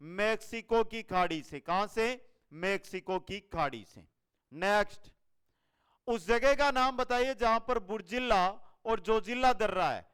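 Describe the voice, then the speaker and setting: A man with a Rajasthani Hindi accent, an online exam-prep teacher running a fast quiz-style lesson, energetic and repeating each answer for his viewers. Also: high-pitched, clear, resonant tone.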